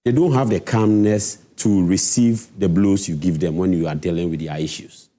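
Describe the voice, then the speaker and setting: A man's voice: sits low, moderate pace, warm tone. A man on a political panel, teasing and patronizing, telling his opponent to relax. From Ghana. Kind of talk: studio debate. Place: TV studio.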